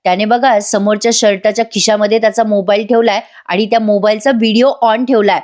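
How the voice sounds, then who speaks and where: A woman's voice: mid-range voice, steady tone, brisk, a little mellow. Chatty woman narrating a serial recap. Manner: chatty, addresses viewers, comments wryly. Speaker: serial review host. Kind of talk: voice-over episode recap.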